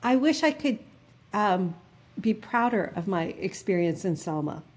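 A New Jersey woman in her fifties, a guest in a reflective interview, earnestly shares personal stories full of fillers and restarts. Her voice is medium-pitched, sing-song and husky, with a darkish tone and a slightly slow delivery.

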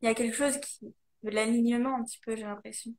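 A woman with a high voice explains her ideas eagerly in a relaxed chat. She stumbles over fillers and restarts as she works her points out. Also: fast. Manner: animated, explaining with many fillers. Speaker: guest, coach. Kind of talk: casual conversation, live video.

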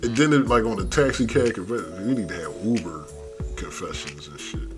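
Podcast co-host, low-pitched man, loose and jokey, music behind. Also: fairly quick. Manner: loose, joking, mimics people in quotes. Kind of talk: casual chat.

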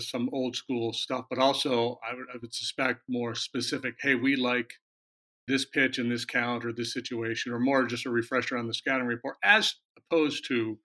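A man, a former pitcher co-hosting a show, asking a guest questions in casual chat. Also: sharp tone. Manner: conversational, asks questions.

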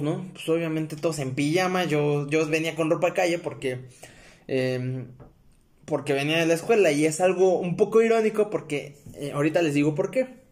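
A young man with a Mexican accent talks straight to his viewers in a casual storytelling vlog. His voice sits a little on the high side, and he rambles along with plenty of fillers and self-corrections, calling the audience his friends. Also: darkish tone. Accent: Mexican Spanish. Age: young adult. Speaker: vlogger.

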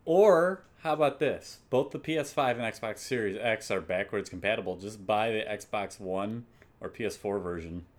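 A man's voice: lowish voice, moderate pace. A man co-hosting a gaming podcast, giving opinionated takes in casual chat with frequent restarts. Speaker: podcast co-host.

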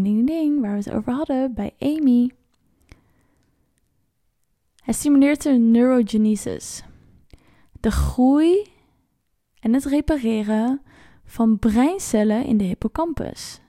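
A woman's voice: on the high side, unhurried, pauses often, dark tone, dry recording, studio quality. A woman coaching viewers through an online challenge, explaining in a chatty, informal way and sometimes searching for words.

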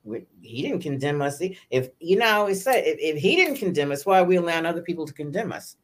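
A woman's voice: lowish voice, sing-song, quick pace. A woman, talking earnestly about her faith in a casual podcast chat, with many restarts. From New York.

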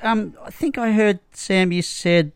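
A man's voice: high-pitched, measured pace, clean tone, no echo. A man hosting a casual interview chat, asking questions in a playful, chatty way. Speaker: podcast host.

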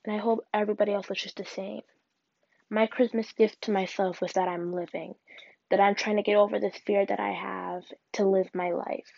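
Young woman, earnest, halting, mid pitch, dry close sound. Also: flat delivery, gravelly, darkish tone, no echo. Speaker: podcast host. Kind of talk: solo personal podcast reflection. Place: alone at home. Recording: dull, dry lo-fi recording.

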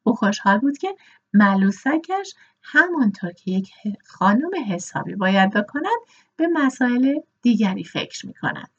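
A woman reading a novel aloud as an audiobook narrator, steady and measured. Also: medium pitch, breathy edge, lo-fi sound.

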